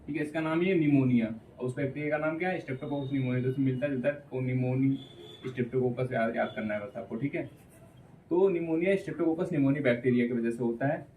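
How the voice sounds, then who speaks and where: A man's voice: mid-range voice, darkish tone, far from the mic. Man lecturing biology in a roomy space. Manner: repeats "theek hai" constantly, drills key terms; reads English textbook phrases slowly, word by word. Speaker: biology teacher. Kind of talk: exam-prep lecture. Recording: roomy, from off the mic, faint room hum.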